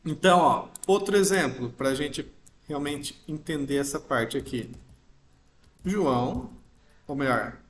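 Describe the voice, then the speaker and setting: A man's voice: fairly high pitch, moderate pace. A man teaching a grammar lesson, patiently explaining step by step and checking in with his listeners often. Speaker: English teacher. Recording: roomy echo.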